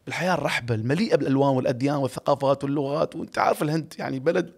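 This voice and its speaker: A man in his forties with an Emirati Arabic accent, a podcast guest telling stories in an animated, reflective way, recorded close on a studio mic. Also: medium pitch, rapid-fire, creaky, breathy edge. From Ras Al Khaimah, UAE. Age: 40s. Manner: animated, gestures a lot, laughs often, reflective. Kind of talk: casual storytelling interview. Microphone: studio boom mic close up.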